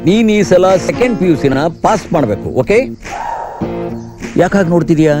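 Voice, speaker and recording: A teasing, lively doctor. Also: male voice, high-pitched, normal speed. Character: playful, confident male doctor. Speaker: psychiatrist. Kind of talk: film dialogue. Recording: film soundtrack with music.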